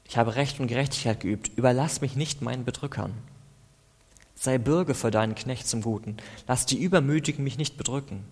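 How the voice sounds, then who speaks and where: Man reading psalms in a reverberant hall. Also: mid-range voice. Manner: reads psalm verses slowly, then comments in a conversational tone. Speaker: preacher. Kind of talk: devotional Bible reading and commentary.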